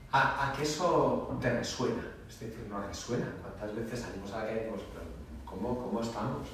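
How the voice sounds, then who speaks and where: A man's voice: medium pitch, fairly bright tone, slight background noise. A man, a priest, giving a homily in an emphatic, conversational preaching style. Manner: emphatic, conversational preaching with dramatic quoted voices. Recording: echoey church from far off.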